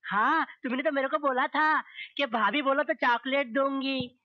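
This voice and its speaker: A childlike simple young man, high pitched, eager, dry muffled film sound. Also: fairly even intonation, normal speed, no room sound. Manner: childish, repetitive, pleading. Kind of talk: 1990s film acting.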